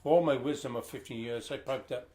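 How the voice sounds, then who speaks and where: An older man reading a family history aloud, telling the story in a lively storytelling way. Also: mid-range voice, fairly quick.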